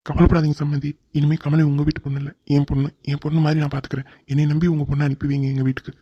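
A man's voice: fairly high pitch, little pitch movement, rapid-fire, breathy edge, no echo. A man voicing a reassuring middle-aged father. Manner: soothing, reassuring. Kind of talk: cartoon drama voice acting. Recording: dull lo-fi recording.

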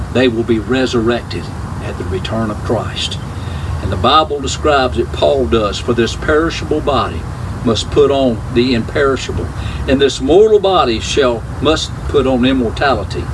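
An older man preaching at a graveside as pastor, reading scripture and speaking in a measured, earnest way with deliberate pauses. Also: mid-range voice. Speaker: pastor officiating a funeral. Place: outdoors under a cemetery tent. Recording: outdoor noise, distant camera recording.

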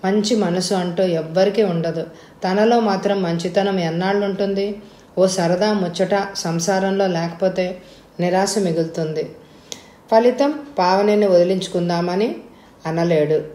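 Audiobook narrator: woman, low and mellow, steady and measured, echoey room. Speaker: audiobook reader. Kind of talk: scripted story narration.

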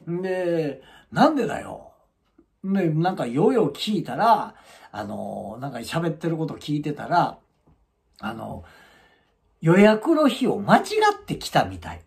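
A man's voice: a little high, unhurried, creaky. A middle-aged man telling a story casually as a channel host, acting out the people in it. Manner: animated, acts out quoted voices.

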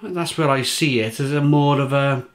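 A British man from England, with a mid-range voice and moderate pace, reviews a beer casually on camera. He rambles, restarts his sentences, and enthusiastically lists the flavours.

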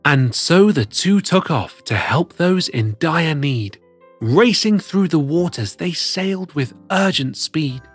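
A cheerful plush cat, voiced by a performer, reads picture books aloud to children in a theatrical, sing-song storytelling manner. The mid-range voice is animated with a breathy edge and takes it slowly, and faint music can be heard behind it.

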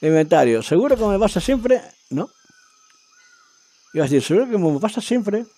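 A man giving casual, excitable commentary as he plays a game, talking to himself and his viewers. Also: sits high, moderate pace, no echo. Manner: talks to himself and viewers while exploring, excitable. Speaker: gaming video creator.

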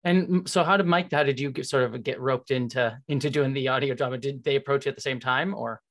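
With a medium-pitched voice and a fast delivery, an interview host talks on a video call from inside a room. Playing the eager fan, the host is effusive, wanders off on tangents, and leans heavily on "like".

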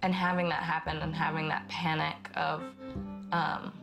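A young woman giving documentary testimony, speaking softly and haltingly with many pauses and fillers. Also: sits low, flat delivery, creaky. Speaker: interviewee. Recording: documentary with guitar music underneath.

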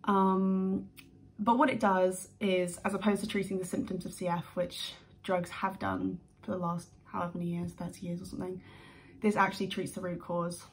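A young woman from the UK in a sit-down vlog, talking in a nervous, rambling way with quick bursts and restarts. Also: lowish voice, flat delivery. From United Kingdom. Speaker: vlogger.

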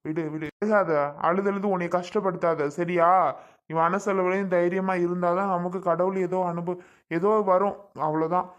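A woman's voice: fairly low pitch, little pitch movement, normal speed, lo-fi sound, natural voice. A woman playing an older female relative, comforting and firmly advising in a family comedy skit. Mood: consoling. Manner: consoling, firm. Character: older female relative, consoling but firm.

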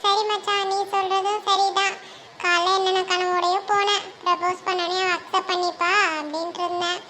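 A performer voicing an earnest, lovesick young man in a comic cartoon, speaking softly and sincerely. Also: very high voice, level tone, normal speed, noisy background. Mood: dejected.

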